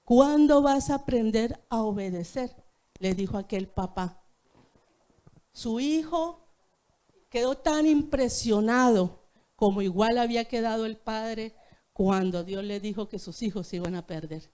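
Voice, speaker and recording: Woman preaching with a dark, mellow voice. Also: medium pitch, measured pace, pauses often. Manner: addresses the congregation directly. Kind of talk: sermon storytelling. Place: church.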